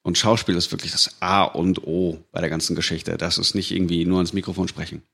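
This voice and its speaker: A man's voice: deep voice, level tone, fairly quick, gravelly, bright, forceful tone, husky. A man, a voice actor guest on a casual podcast, giving advice with frequent hesitations.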